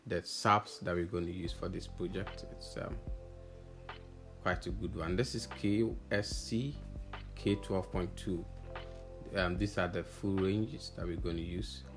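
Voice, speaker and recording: Over background music, a man narrates a walkthrough of his own audio installation project. He's casual and hesitant, working through his thoughts aloud. His voice is deep and unhurried, with fairly even intonation.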